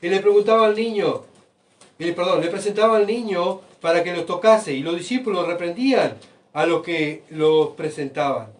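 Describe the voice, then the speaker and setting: Pastor preaching, heard from afar. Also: male voice, high voice, normal speed. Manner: rhetorical questions, keeps asking the congregation "¿verdad?"; swings between soft asides and loud emphatic bursts. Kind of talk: sermon. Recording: voice picked up from far off.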